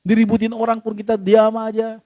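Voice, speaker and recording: A male pastor with an Indonesian accent preaching a sermon in church, swinging between loud and soft and acting out quoted voices. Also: sits high, completely flat delivery, a little fast, no room sound.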